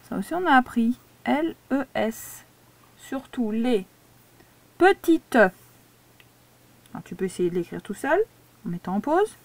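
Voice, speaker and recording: Slow, patient woman teacher dictating. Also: on the high side, very animated, no echo. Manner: patient, spells out words syllable by syllable. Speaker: primary school teacher. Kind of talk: slow dictation lesson for a child.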